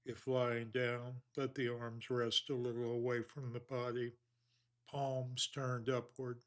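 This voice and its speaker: Guiding a body scan meditation, this man speaks very slowly with a completely flat, level mid-range voice and little melodic variation. He leaves long gaps between phrases, keeping every instruction calm and measured.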